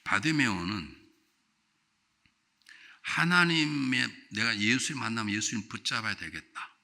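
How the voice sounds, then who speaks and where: An older man preaching a revival sermon in a church, swinging from loud exclamations to quiet storytelling and putting questions to the congregation. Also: on the low side, lively intonation, measured pace, gravelly. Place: church sanctuary.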